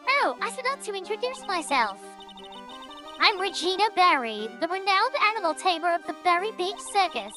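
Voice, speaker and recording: A woman's voice: very high-pitched, very animated, normal speed, bright, forceful tone, soft background music, voice pushed up, heavily acted. A woman doing a sugary flirty circus animal tamer. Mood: sweet. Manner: sweet, wheedling.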